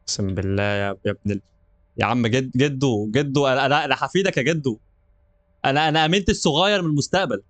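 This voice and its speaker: A young man with an Egyptian Arabic accent hosts a gaming channel, doing let's play commentary on a horror game that's jokey and nervous, with frequent laughter. His voice is medium-pitched, quick, and fairly bright, recorded dry.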